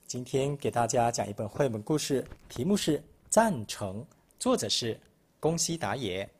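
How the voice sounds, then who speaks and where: Husky man reading a picture book. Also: medium pitch, lively intonation, moderate pace. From Malaysia. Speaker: storyteller. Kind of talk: picture-book narration for children.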